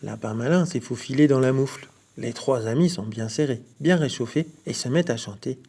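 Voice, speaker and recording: Gravelly man reading a picture book. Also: medium pitch, a little fast. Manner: expressive, lilting sound effects. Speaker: library storyteller. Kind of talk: children's picture-book read-aloud.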